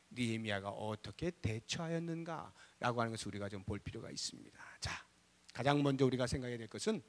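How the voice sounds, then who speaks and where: Pastor, male, high and lively delivery, dramatic swings to whispers, reverberant church hall. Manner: dramatic, acts out quoted voices with big swings from loud to whispered. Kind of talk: sermon. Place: church sanctuary.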